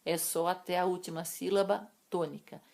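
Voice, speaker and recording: A woman's voice: on the low side, steady tone, normal speed, vocal fry, darkish tone. Brazilian woman teacher explaining poetry. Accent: Brazilian Portuguese. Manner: explanatory, addresses students directly. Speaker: literature teacher. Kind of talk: recorded class lesson.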